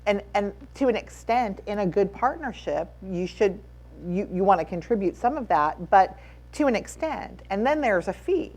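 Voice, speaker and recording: A woman on a conference panel giving advice to publishers, measured and full of fillers. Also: medium pitch, lively intonation, a little mellow.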